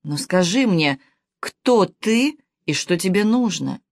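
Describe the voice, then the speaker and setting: Young male king, mild and guarded, low dry voice, a woman narrator reading him. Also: lively intonation, takes it slowly, no room sound, exaggerated voice.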